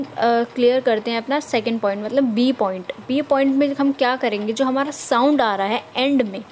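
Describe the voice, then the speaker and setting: A woman's voice: fairly high pitch, a little mellow, a little hiss or hum, rough recording. A woman teaching shorthand in a screen-recorded tutorial, explaining each step patiently and checking in with her viewers often.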